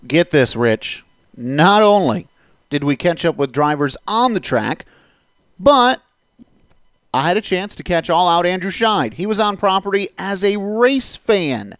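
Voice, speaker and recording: A man hosting a racing show, introducing clips with lively, enthusiastic narration. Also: high-pitched, normal speed, no room sound. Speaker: show host. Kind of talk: scripted narration.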